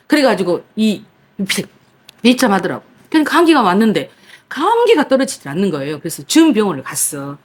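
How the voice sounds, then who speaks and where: A woman pastor preaching, telling a personal story in a lively, dramatic way, acting out her own past cries and protests. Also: a little high. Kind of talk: sermon with personal testimony.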